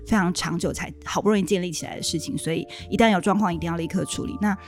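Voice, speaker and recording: Woman lawyer guest, low-ish voice, brisk matter-of-fact delivery. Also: soft background music. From Taiwan. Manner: quick, matter-of-fact explaining. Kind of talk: casual podcast conversation.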